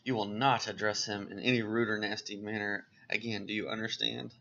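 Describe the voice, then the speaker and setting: A man's voice: on the low side, flat delivery, brisk, gravelly, sharp tone, slight background noise. A man reading aloud as a stern, formal male hero who issues demands in a stiff, demanding way, on a dull lo-fi recording.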